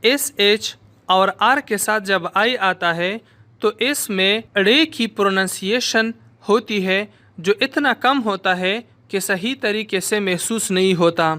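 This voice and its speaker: A woman teaching pronunciation, speaking slowly and deliberately and repeating each sound several times in drills. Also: medium pitch, fairly bright tone. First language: Urdu. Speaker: language teacher. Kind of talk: pronunciation lesson with drilled repetitions.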